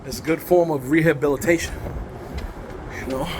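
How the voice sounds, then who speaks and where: High-voiced New man vlogging outdoors. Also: steady tone, moderate pace, a little mellow, slight background noise. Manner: casual, preachy and encouraging, says he sounds out of breath. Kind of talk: motivational walking vlog. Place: outdoors at a train station.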